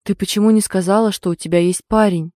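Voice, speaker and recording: Shaken, dazed young man, as a woman reads him; dark voice, dry sound. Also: mid-range voice, steady tone, fast talker, no room sound, natural voice. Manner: tense, dazed accusations. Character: shocked, dazed young man, furious and lost.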